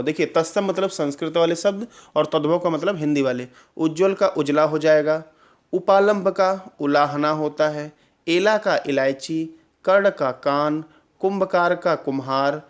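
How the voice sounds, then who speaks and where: Male exam tutor, slightly high voice, drilling style with constant check-ins. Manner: drills answers with repeated questions and "clear?" checks. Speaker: exam-prep teacher. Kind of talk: Hindi spelling lesson.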